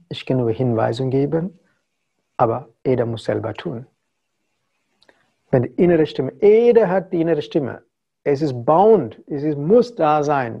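A man's voice: on the high side, creaky, dark tone, highs cut off. A man from India, a spiritual teacher giving a talk to followers in broken German with English phrases mixed in. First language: not German.

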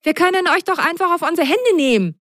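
A woman voicing a lively, mischievous young girl in a storybook reading, excited and bubbly. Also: extremely high pitch, a little fast, no room sound, clean studio sound, pitched above the performer's own voice.

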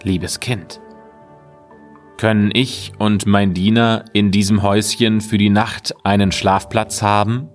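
Courteous young prince, softer and a touch lower, read by a male narrator. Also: level tone, takes it slowly, faint music behind. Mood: polite. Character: young traveling prince, polite and fearless.

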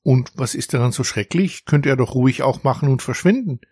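A man's voice: medium pitch, fairly quick, breathy edge, no room sound, clean studio sound. A man voicing a cheeky, playful young girl in a children's audiobook, speaking in a teasing way. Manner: teasing, lively.

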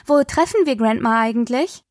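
A woman's voice: fairly high pitch, a little mellow, dry recording, clean studio sound, close to an everyday voice. A woman reading an audiobook, voicing a sarcastic, teasing teenage daughter. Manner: sarcastic, quick-tongued.

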